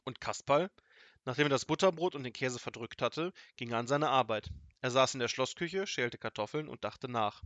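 Brief: a man reading a children's audiobook, lively and expressive, dry studio sound. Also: mid-range voice, moderate pace, no room sound, muffled recording. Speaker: audiobook narrator. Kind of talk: scripted children's story narration.

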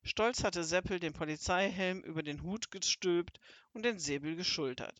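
An audiobook narrator reading a children's story in a lively, expressive way. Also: mid-range voice, normal speed, dry recording. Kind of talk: scripted narration of a children's book.

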